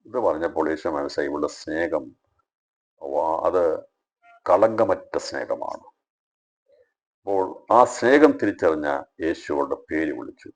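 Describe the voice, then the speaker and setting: A man, a pastor, teaching a Bible study over a video call, his phrases swelling loud and then dropping low and soft as he urges his listeners. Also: unhurried, long pauses. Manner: addresses listeners directly, urging them.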